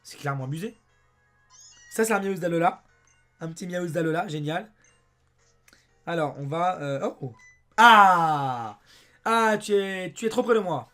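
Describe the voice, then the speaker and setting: Young french guy doing a let's play, kinda hoarse, highish voice, excitable and chatty. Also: normal speed, pauses often, soft background music. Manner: chatty and excitable, often says "mes amis" and "abusé". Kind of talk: casual gameplay commentary.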